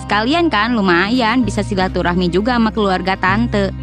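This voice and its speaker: A woman's voice: mid-range voice, moderate pace, over music. A woman narrating a family story in a chatty, slangy way, talking straight to her viewers. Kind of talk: casual storytime narration over mukbang video. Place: voice-over.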